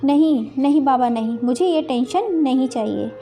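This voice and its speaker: A woman plays a stubborn, hot-tempered husband in a moral storybook tale. The voice stays high and mellow. He argues bluntly and raises his voice. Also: normal speed, faint music behind. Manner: stubborn, shouting. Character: stubborn angry husband, middle-aged man.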